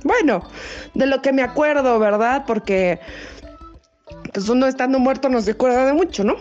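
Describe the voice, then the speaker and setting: A woman's voice: sits high, moderate pace, darkish tone, muffled recording, faint music behind. A woman with a Mexico City Spanish accent telling a personal anecdote in a slangy, profane, chatty way. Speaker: storyteller. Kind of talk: casual spoken anecdote.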